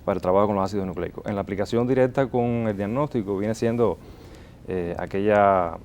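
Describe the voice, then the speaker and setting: A man's voice: fairly low pitch, fairly quick, a little mellow, a little hiss or hum. A man with a Cuban accent, a molecular biologist explaining as a guest, with frequent hesitant fillers. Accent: Cuban Spanish. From Cuba. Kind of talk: interview answers.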